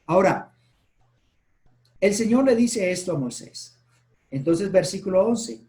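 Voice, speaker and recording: High-pitched pastor guy preaching, acts out the bible dialogue in little voices. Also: animated, a little slow, darkish tone. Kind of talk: sermon.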